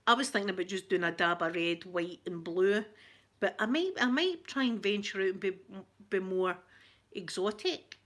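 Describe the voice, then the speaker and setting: Speaking at a moderate pace in a mid-range voice, a Scottish woman with a Glaswegian accent hosts a live ASMR stream and reads the chat. She's chatty, greets viewers warmly by name, laughs often, and frequently breaks off mid-sentence.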